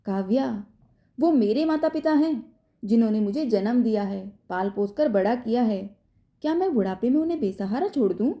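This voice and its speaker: A woman voicing a young husband who speaks gravely and firmly. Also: fairly high pitch, lively intonation, moderate pace, warm tone. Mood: stern. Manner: grave, firm.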